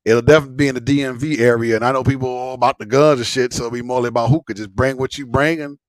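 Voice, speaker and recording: A man's voice: mid-range voice, steady tone, rapid-fire, no echo. A man hosting a casual livestream chat, rambling and repeating himself with slang and frequent swearing. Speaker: host of a live smoke-session stream.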